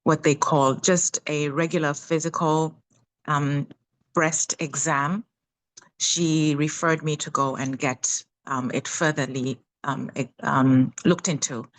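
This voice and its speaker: Low-voiced Ugandan-born woman, halting. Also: fairly even intonation, low-quality recording. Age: 50s. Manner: halting, many fillers. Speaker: guest speaker. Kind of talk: personal testimony on a video call. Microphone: phone on a video call.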